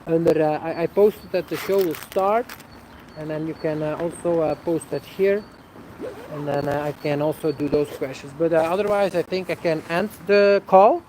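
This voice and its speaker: Casual livestream host, a touch high-pitched, thinks aloud hesitantly, faint street noise behind. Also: male voice, fairly even intonation, moderate pace, a little mellow, rough recording. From Belgium. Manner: hesitant, many fillers, ends sentences with a tag "eh?". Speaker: livestream host answering viewer questions. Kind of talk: casual live Q&A.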